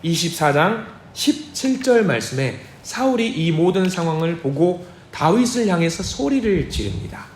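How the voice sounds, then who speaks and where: A man preaching a sermon as pastor, lively and theatrical, acting out the Bible figures with shouts and hushed asides. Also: sits high, normal speed, hardly any pauses, slight background noise. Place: church sanctuary. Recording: echoey church sound.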